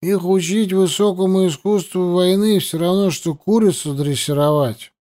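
A drunk, weary French officer, tired and swaying as he speaks, his voice pushed well up in pitch, as a man puts him on for an audiobook. He sounds worn out. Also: normal speed, mellow, close to an everyday voice. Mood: weary scorn. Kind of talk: audiobook reading.

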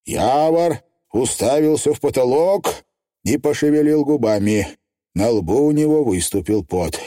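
A man reading an audiobook aloud with expressive storytelling. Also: mid-range voice, unhurried, no echo, studio quality. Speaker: audiobook reader. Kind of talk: scripted audiobook narration.

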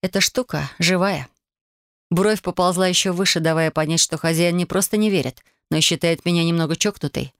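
Мужчина размеренно читает аудиокнигу. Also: male voice, a little high, fast talker, hardly any pauses, a bit bright, smooth, no room sound, clean studio sound. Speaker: audiobook reader. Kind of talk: fantasy audiobook narration in first person.

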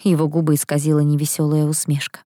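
A woman reading a first-person fantasy audiobook in a calm, measured storytelling manner. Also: low-pitched, no room sound, studio quality. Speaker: audiobook reader.

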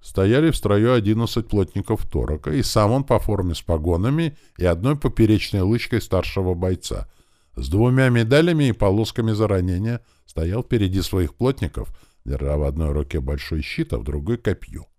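A man reading an adventure audiobook aloud in an expressive style, acting out the shouts of the characters. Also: on the low side, moderate pace, dry recording, clean studio sound. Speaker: audiobook narrator. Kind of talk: scripted narration.

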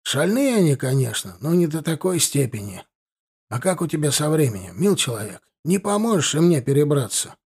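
A man's voice: a little high, very animated, normal speed, darkish tone, breathy edge, exaggerated voice. A man playing a defensive, muttering village homeowner in his sixties, grumbling about his neighbours.

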